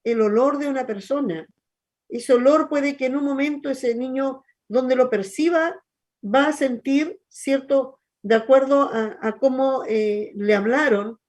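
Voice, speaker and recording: A middle-aged woman pastor speaking Chilean Spanish chats and tells stories hesitantly and conversationally on a church talk show with a teaching focus. Her voice is high, unhurried and somewhat dark in tone.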